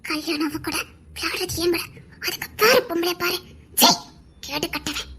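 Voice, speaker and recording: A woman voicing a shrill, bright young village heroine. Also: normal speed, full character voice. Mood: angry. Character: young village women, the heroine and her friend. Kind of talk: animated story voice acting.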